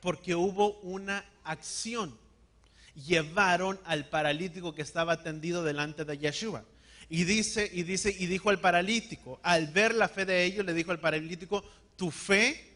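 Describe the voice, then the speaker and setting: A man preaching a sermon, calling on the congregation to repeat words after him and slowing down to stress key words. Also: high-pitched, bright, forceful tone. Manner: call-and-response, has the congregation repeat words. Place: church hall.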